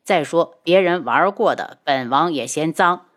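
A man's voice: fairly high pitch, lively intonation, moderate pace, voice pushed down, lightly acted. A woman doing a cold, scornful young prince. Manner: cold, clipped, contemptuous.

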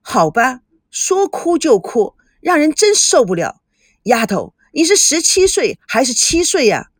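A woman's voice: on the high side, sing-song, moderate pace, no echo, studio quality. A woman voicing a weary, wry young man humoring a spoiled girl in an audiobook. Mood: exasperated.

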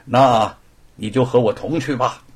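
A man's voice: mid-range voice, measured pace, slightly rough. A man voicing a middle-aged villainous rich man speaking firmly to his son. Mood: indulgent.

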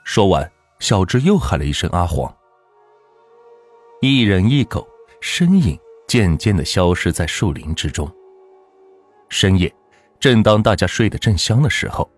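A man narrating a folk ghost story in a dramatic, measured way. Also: deep voice, big pitch swings, slightly rough, no echo, soft background music.

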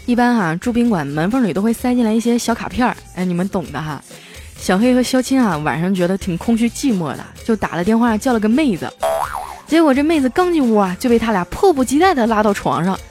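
A woman hosting a comic storytelling podcast, chatty and lively, stretching out her sentence endings. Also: fairly high pitch, fast, soft background music. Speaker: host.

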